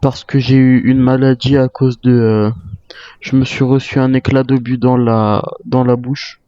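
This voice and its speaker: Unhurried and warm, a mid-range male voice with a level tone muses hesitantly as a tired ex-soldier while role-playing a survival game. The improvised monologue comes through a dull, roomy microphone.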